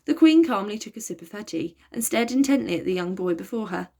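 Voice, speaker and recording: A woman reading a children's book aloud in a steady, expressive storytelling voice. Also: medium pitch, fast talker.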